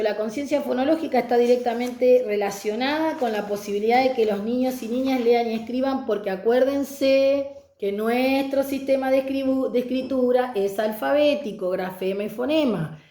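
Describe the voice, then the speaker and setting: Lively woman teacher, echoey room. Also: fairly high pitch, moderate pace. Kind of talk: online lecture on reading pedagogy.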